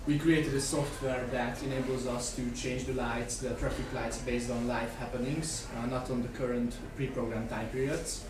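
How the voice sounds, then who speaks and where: Young man from Hungary, 18, flat and hesitant, heard from far off in a noisy, echoey hall. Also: medium pitch, moderate pace, few pauses. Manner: hesitant, many fillers. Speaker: student startup founder asking a question. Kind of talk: spontaneous question at a live panel. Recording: echoey hall, far mic, background noise.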